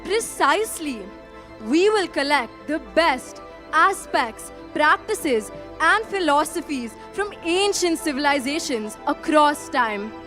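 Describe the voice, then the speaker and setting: A woman's voice: high-pitched, animated, takes it slowly, a bit bright, soft background music, heavily acted. A woman playing a visionary female chancellor, addressing a council in a formal, speech-like way in a school stage play. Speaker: student stage performer.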